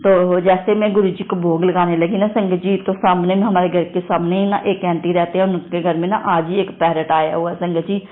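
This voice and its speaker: A woman shares a devotional testimony with earnest, repetitive storytelling and frequent asides to her listeners. Her pitch stays narrow and even. The sound is thin and phone-like, as if recorded down a phone line. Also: moderate pace, few pauses. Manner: earnest, repetitive, often addresses the congregation. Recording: tinny phone-quality recording.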